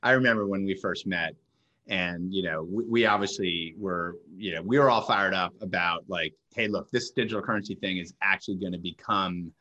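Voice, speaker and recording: A man with a deep voice that still has a bright, forceful edge. He hosts a casual interview, circling toward his question with false starts and filler words. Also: normal speed, lo-fi sound. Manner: hesitant, restarting questions. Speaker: podcast host.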